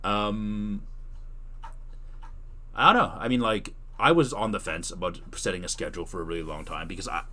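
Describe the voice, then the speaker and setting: On a livestream, a man with a lowish, pushed, bright voice talks at a moderate pace broken by long pauses. He's teaching a tutorial and casually replying to chat, thinking aloud and rephrasing as he goes.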